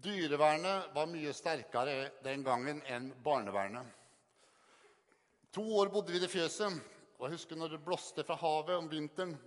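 An older man giving an earnest, halting personal testimony to an audience, often repeating words for emphasis. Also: fairly high pitch. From Northern Norway. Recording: long hall reverb.

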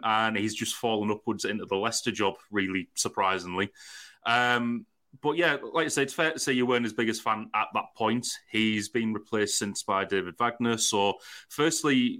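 A man's voice: medium pitch, normal speed, pushed and bright. A man hosting a casual football interview, chatty and feeling his way through his questions. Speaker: podcast host.

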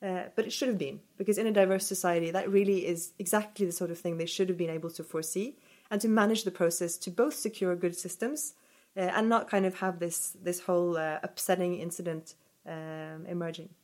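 A woman's voice: lowish voice, fairly even intonation, fairly quick, darkish tone. A woman researcher answering interview questions thoughtfully, with frequent fillers and hedges. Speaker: researcher guest. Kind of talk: podcast interview.

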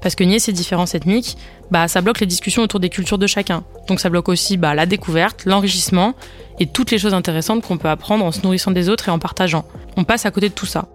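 A podcast host reading a scripted explanatory segment in a steady, explaining manner. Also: mid-range voice, fast talker, soft background music. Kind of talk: scripted narration.

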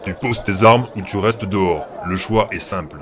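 A man's voice: sits low, normal speed, background noise, voice pushed down, lightly acted. A man voicing a huge, bald male inn bouncer who gives curt, commanding orders. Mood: stern.

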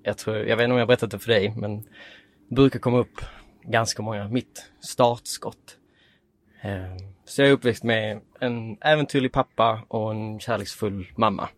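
A man's voice: lowish voice, no echo. Swedish man telling a story on a podcast. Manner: lively storyteller who acts out quoted dialogue. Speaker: guest.

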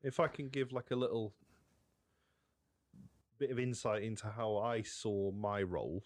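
A man co-hosting a podcast, talking casually with lots of restarts and thinking out loud. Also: lowish voice, unhurried, no echo. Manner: talkative, thinks aloud with many restarts. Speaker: podcast co-host. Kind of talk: casual chat.

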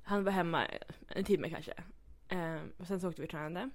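A woman's voice: fairly low pitch, fairly even intonation. Young woman, casual chat, storytelling, many fillers. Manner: chatty storytelling, acts out quotes, many fillers.

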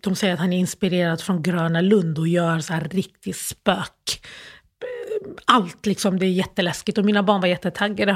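Speaking in a mid-range voice, a middle-aged woman from Sweden recounts her story as an interview guest, emotional and halting. She restarts often, uses plenty of fillers, and performs the old phone calls herself.

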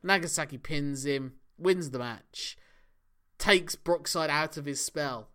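A man's voice: fairly high pitch, slow, pushed and bright, clear, resonant tone. A man co-hosting a podcast, talking through wrestling matches in a chatty, analytical way with frequent laughs. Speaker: podcast co-host. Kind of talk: casual wrestling discussion.

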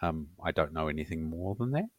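A man co-hosting a casual football podcast, talking in a relaxed, meandering way with fillers. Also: a bass voice, brisk, dry recording, studio quality. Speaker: podcast co-host. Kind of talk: casual sports podcast chat.

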